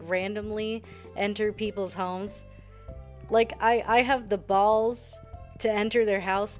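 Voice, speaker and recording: Sarcastic young woman ranting over gameplay. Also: mid-range voice. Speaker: gaming video creator. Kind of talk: casual game commentary.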